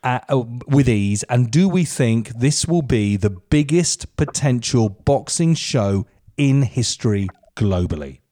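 A man's voice: medium pitch, animated, a little slow, hardly any pauses, warm tone. A man hosting a podcast, leading the chat with long, rambling questions. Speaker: podcast host.

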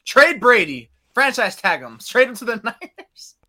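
A man's voice: very high voice, very animated, pushed and bright. A man in his late twenties co-hosting a casual sports talk show, loose and chatty with lots of filler words. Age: 20s. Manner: fast, loose, lots of "like" and laughter. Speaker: podcast co-host.

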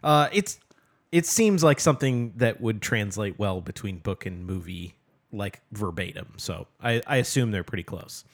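A man's voice: on the low side, animated, normal speed. Rambling man co-hosting a book podcast. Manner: rambling, many fillers and restarts. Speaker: podcast co-host. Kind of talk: casual book podcast chat.

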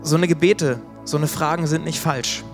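A man's voice: a little high, fairly even intonation, normal speed, over music. A man preaching a sermon in a conversational way, retelling stories, correcting himself as he goes and asking rhetorical questions.

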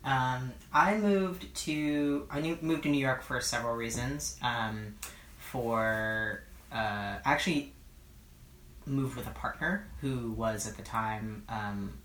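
A thoughtful man in his thirties, from California's East Bay, answering an interviewer slowly and with many pauses. The recording is roomy, with a faint hiss behind him. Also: fairly low pitch, a bit bright. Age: 30s. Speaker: oral history interviewee. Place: his apartment.

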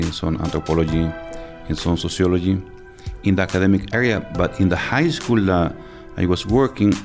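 A man in his fifties with a Salvadoran Spanish accent and a very low voice tells his story in English, his second language. He pauses often, repeats words and restarts his sentences as he feels for the phrasing. Plucked guitar music plays clearly behind him. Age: 50s. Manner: halting, searching for words, many fillers and restarts. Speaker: interview guest. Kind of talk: personal interview.

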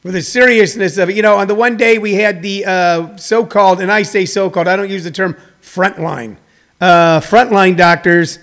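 A man with a notably high voice speaks off the cuff as host of a live talk show. His delivery is halting yet emphatic, and he repeats phrases to drive them home. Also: fairly even intonation, fairly bright tone. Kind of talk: off-the-cuff topical monologue.

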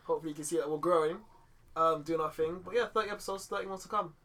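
Young male podcast co-host, urban London roadman accent, slangy and lively, high bright voice. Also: very fast. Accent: London, urban street slang delivery. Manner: slangy, animated. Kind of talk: casual film discussion.

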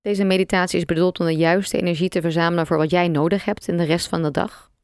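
A woman leading a guided meditation, speaking gently and calmly in short, spaced phrases with long pauses. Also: fairly low pitch, clear, resonant tone, no room sound, studio quality.

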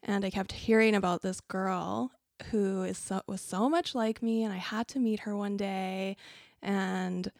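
A young woman with a Canadian accent and a creaky voice, talking casually as an interview guest. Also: mid-range voice, fairly even intonation, a little slow, a little mellow, no room sound, studio quality. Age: young adult. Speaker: podcast guest, freelance designer. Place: studio, in person.

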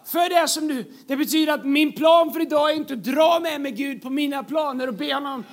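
High-pitched male pastor, preaching emphatically with repeated phrases. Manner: emphatic, repeats key phrases, jokes with the congregation. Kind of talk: sermon.

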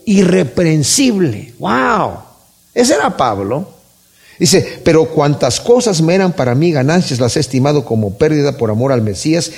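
A man preaching a sermon, shifting between loud, emphatic lines and hushed, tender asides to his listeners. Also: on the high side, breathy edge. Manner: addresses listeners as "mis amados".

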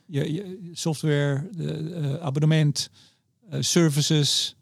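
A man's voice: a little high, fairly even intonation, slow, creaky, no echo, clean studio sound. A man hosting an interview, asking direct and probing questions in a casual tone. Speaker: podcast host interviewing a founder.

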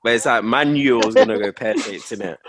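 Low-voiced London roadman-style young man. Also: fast talker, crowd noise. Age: 20s. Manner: London roadman slang and speech. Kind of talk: casual group chat.

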